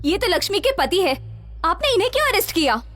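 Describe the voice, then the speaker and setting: A woman's voice: very high-pitched, big pitch swings, fast, a bit bright, exaggerated voice. An actress dubbing a determined young woman who pushes confrontationally for justice. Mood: insistent. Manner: insistent, confrontational. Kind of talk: Hindi dubbed action film. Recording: film dub with background music.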